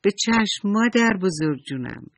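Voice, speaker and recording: A man voicing an earnest young girl in a children's story, speaking softly and sincerely. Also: high-pitched, sing-song, vocal fry, dry recording, pitched above the performer's own voice, full character voice. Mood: eager. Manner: earnest, soft.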